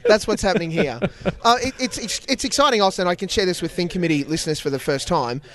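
A man's voice: high voice, fast talker, fairly bright tone. A man from Australia with an Australian accent, hosting a casual podcast chat with a playful, joking manner. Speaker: podcast host.

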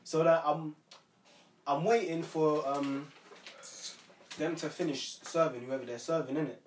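A man's voice: on the high side, measured pace, recorded from a distance. A young man talks in a roomy space, a little away from the mic, with faint noise behind him. He has a London roadman accent and rambles through stories in casual street slang. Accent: London roadman, multicultural urban slang. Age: young adult. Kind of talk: casual banter and storytelling.

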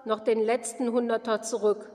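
A woman's voice: a little high, level tone, moderate pace, a little mellow, natural voice. Woman reading a sneaky little card shark guy, wheedling, hall echo. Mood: sly. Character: sheepish small-time male card sharp. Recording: long hall reverb.

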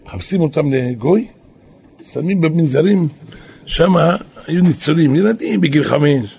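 A man, a rabbi and yeshiva head, telling a story in a sermon, animated and now and then calling out quoted lines loudly. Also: a little high. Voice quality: raspy.

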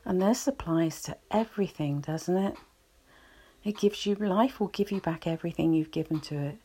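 Brief: soothing woman, relaxation guide, low husky voice. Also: dark tone. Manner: slow, soothing, reflective.

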